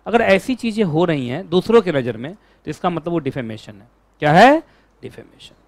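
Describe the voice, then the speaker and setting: A man teaching a law class, lecturing in an animated way and asking his students questions all the time. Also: a little high, a little fast, dry recording.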